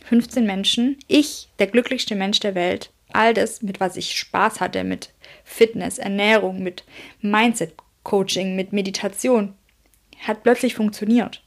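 A woman coach tells a personal story to her audience, emotional and direct, often turning to address her listeners. Her voice has a steady, gravelly vocal fry running through it. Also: mid-range voice, a little slow. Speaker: self-employed coach.

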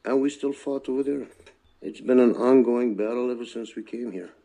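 An older man, born in Palestine and brought to the US as a child, reflects earnestly in a personal oral history interview, choosing words deliberately and repeating points for emphasis. His voice is mid-range with a dark tone, and the audio quality is poor.

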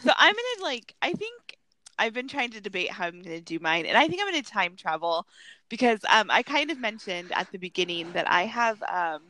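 A woman podcast co-host with a bright voice that swings widely in pitch. She chats casually and playfully in a giggly, halting way, sounding close and dry. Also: very animated, no echo, poor audio. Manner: informal, playful, giggly, frequent hesitations. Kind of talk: casual chat.

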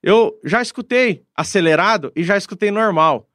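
A man talking earnestly and reflectively with a pastor, pausing often to find his words. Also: high voice, lively intonation, fairly bright tone, no room sound, studio quality. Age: adult, father of a daughter. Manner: earnest, reflective, frequent hesitations. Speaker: guest speaking with a pastor. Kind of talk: casual conversational talk.

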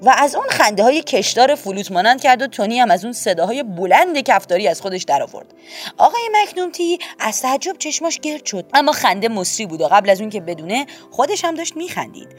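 A woman narrating a children's storybook in a gentle, steady, expressive way. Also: on the high side, soft background music. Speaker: audiobook narrator.

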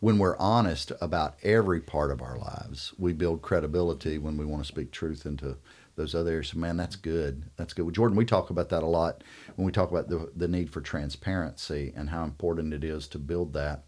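A man's voice: rumbling low, fairly quick, darkish tone. A man hosting a casual faith-based conversation with young guests, thoughtful and rambling with many fillers. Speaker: host.

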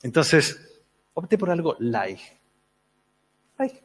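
A man's voice: on the high side, slow pace, breathy edge, long reverb tail. A man, a pastor telling a comic story in a sermon and acting out the voices. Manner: animated, acts out voices, comic.

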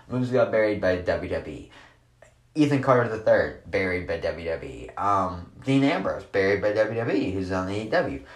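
A man's voice: on the low side, roomy sound. A man hosting a casual solo sports rant, sarcastic and rambling, tossing off dismissive asides. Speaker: podcast host.

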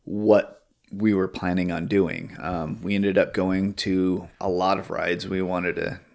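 A man's voice: sits low, little pitch movement, unhurried, gravelly, darkish tone. A man hosting a podcast, telling a story in a rambling, hesitant way over casual chat. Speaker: podcast host.

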